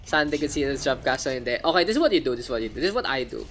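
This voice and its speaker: A woman's voice: very deep voice, sing-song, racing, a bit bright, slight background noise. A woman with a Filipino accent doing casual, joking live game commentary as a streamer. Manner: casual, joking, mixes English with Tagalog. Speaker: esports caster and streamer.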